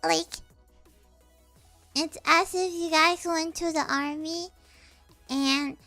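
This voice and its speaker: A woman with a squeaky, pinched voice chatting casually and playfully to livestream viewers in a theatrical way. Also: fairly even intonation, slow pace, bright, forceful tone, soft background music. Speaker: streamer greeting viewers.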